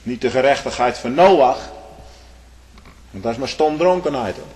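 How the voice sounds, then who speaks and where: A man's voice: expressive, moderate pace. Male preacher echoing through a church hall. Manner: swings between loud high outbursts and low quiet asides; tags lines with a questioning "hm?". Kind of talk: sermon. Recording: long reverb of a large hall.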